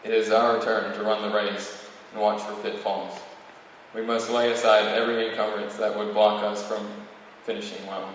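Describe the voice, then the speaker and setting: Young male student, low even voice, formal graduation podium speech, recorded from afar in a reverberant hall. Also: normal speed. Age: young adult, about eighteen. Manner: reading a prepared text, with occasional stumbles. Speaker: valedictorian student speaker. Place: large reverberant room, speaking to an audience. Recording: very echoey hall, distant mic, faint noise.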